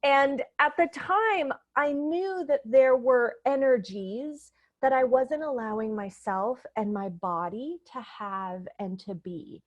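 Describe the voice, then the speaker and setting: A woman's voice: high-pitched, slow, highs cut off. A woman from Puerto Rico, a coach and speaker, telling her story in an earnest, reflective way during a stage interview. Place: convention expo venue.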